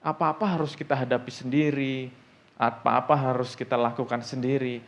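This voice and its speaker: A man preaching a sermon in an animated way, often asking the congregation rhetorical questions, with an Indonesian accent. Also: medium pitch, moderate pace. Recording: dull lo-fi sound.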